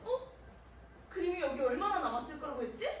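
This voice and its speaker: A woman acting in a live stage play as a shrill, argumentative middle-aged wife. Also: lively intonation, fairly quick. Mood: scheming. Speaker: student stage actor. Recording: echoey hall, miked from far off, with faint noise.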